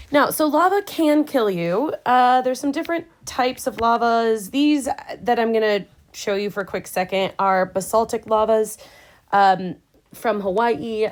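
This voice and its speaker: A woman's voice: medium pitch, low-quality recording. A woman science teacher giving a casual, chatty recorded lecture full of wry asides and fillers. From Indiana, US. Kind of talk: recorded class lecture over slides.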